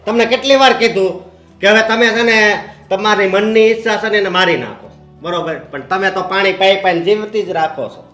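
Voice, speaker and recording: A man playing a grasping, stubborn son in a family film drama, arguing and insisting on his claim as heir. His voice sits high for a man and rings in an echoey room with soft music underneath. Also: normal speed. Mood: insistent. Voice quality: insistent, nagging, demanding. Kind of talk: Gujarati short film acting.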